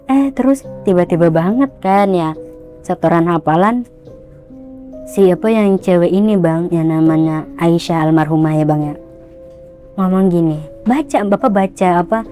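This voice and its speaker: A young woman excitedly telling a ghost story, acting out the voices of the people in it. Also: fairly low pitch, normal speed, faint music behind. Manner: excited, animated, acts out quotes. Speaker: guest storyteller.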